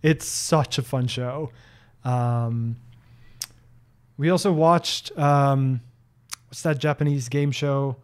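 Speaking slowly and pausing often, a man in his thirties with a mid-range voice answers viewer questions on a casual stream. English is his second language; he's a native Norwegian speaker talking from his home office. He reads each question aloud, chatty and full of ums and false starts, close to a desk broadcast mic.

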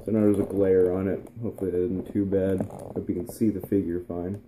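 A teenage man chatting casually through an unboxing vlog in his bedroom, relaxed and rambling with plenty of ums. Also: sits low, a little fast, noisy background. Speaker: vlogger. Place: small bedroom, indoors.

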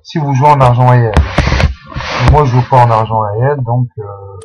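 A man's voice: mid-range voice, normal speed, muffled recording, over music. A man casually talking through a game tutorial, hesitant and full of fillers and restarts. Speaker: channel host explaining a game.

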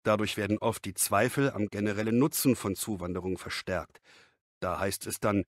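Guy with a lowish voice reading a scripted interview, calm and explaining, dry sound. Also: moderate pace, no echo. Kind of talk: scripted dialogue for a language lesson.

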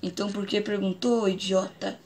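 A woman's voice: medium pitch, fairly even intonation, moderate pace, darkish tone, pitched below the performer's own voice, natural voice. A woman playing a grumpy, easily irritated male racing car with an indignant, sarcastic way of talking, in a toy cartoon story. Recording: noisy home recording with clicks.

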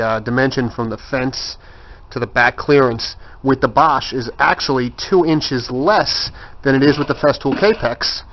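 A man's voice: mid-range voice, a little hiss or hum. A man giving a casual walking tour of his cluttered home woodshop, pointing things out as he goes. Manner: chatty, points things out as he walks. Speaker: woodworker giving a shop tour. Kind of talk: casual handheld walkthrough. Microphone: handheld camera mic. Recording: dull lo-fi camcorder audio.

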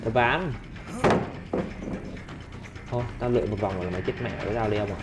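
A man commentating his own gameplay, excitable and talking back at the other players. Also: on the low side, fairly quick, heavy background noise. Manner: excitable, talks and swears at on-screen opponents. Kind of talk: let's play commentary. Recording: game music playing under the voice. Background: game music and sound effects.

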